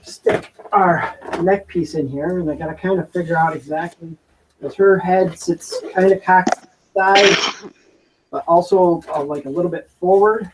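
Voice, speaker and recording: A man leads a laid-back livestream tutorial from an indoor workshop, talking through each step as his hands stay busy. His voice sits a little high for a man, and he rambles easily with plenty of pauses and fillers. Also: noisy background. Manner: easygoing, rambling, talks while working with hesitations. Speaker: prop-building workshop host. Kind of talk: casual livestream craft tutorial. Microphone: camera on a desk he moves around.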